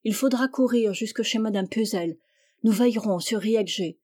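A woman reading the part of an old boatman father, calm and reassuring. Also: on the high side, normal speed, no room sound, natural voice.

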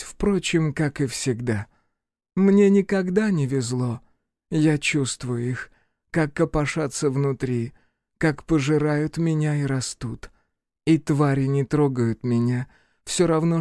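A man voicing a stubborn, resigned young witch woman in an audiobook, speaking quietly and slowly. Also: on the high side, no room sound, clean studio sound, natural voice. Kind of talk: audiobook character voice.

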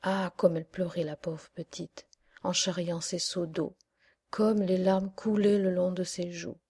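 A woman narrating a fairy tale audiobook in a soft, hushed storytelling manner. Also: lowish voice, little pitch movement, a little slow, breathy edge. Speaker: audiobook reader.

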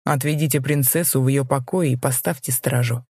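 A woman reading as a young male rebel lord who speaks low, cold and contemptuous. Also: fairly even intonation, brisk, mellow, breathy edge, no echo, clean studio sound, exaggerated voice. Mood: restrained fury.

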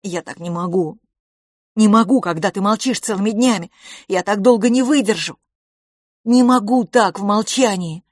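A woman voicing a frightened young boy who begs his silent twin brother, his pleas loud and cracking. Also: medium pitch, moderate pace, dry recording, clean studio sound, voice pushed up, natural voice. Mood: desperate. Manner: desperate, pleading, voice cracking.

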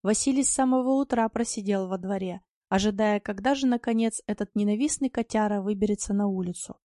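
A woman calmly and expressively narrating an audiobook story. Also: mid-range voice, brisk, dry recording, studio quality.

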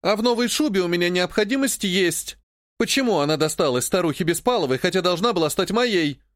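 A man's voice: sits high, animated, fairly quick, no echo, studio quality, pitched above the performer's own voice. A male audiobook reader voicing a capricious, spoiled young noblewoman who whines and sobs at her brother. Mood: petulant. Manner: whiny, petulant, sobbing.

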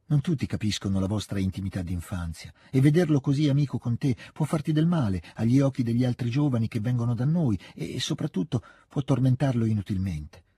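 A man voicing a gentle, admonishing older countess. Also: mid-range voice, brisk, few pauses, breathy edge, no echo. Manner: calm, tender, admonishing. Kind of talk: literary reading aloud.

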